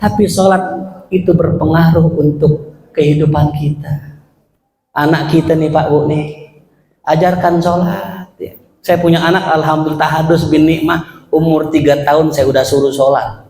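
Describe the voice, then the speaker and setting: A man's voice: fairly high pitch, steady tone, moderate pace, a little mellow. A man preaching a joking sermon in a mosque, addressing the congregation directly. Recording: echoey mosque hall.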